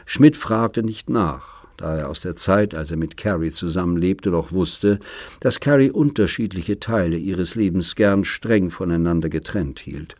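A man reads a novel aloud in a calm, even way, his voice deep and low. The recording is dry and close, with no room sound. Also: unhurried, no echo. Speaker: audiobook narrator. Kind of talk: scripted narration.

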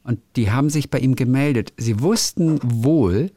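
A man's voice: mid-range voice, lively intonation, normal speed, dark tone, no room sound, clean studio sound. A man, a radio host, chatting casually on a call and explaining how words are pronounced, with many fillers. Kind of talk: casual phone chat.

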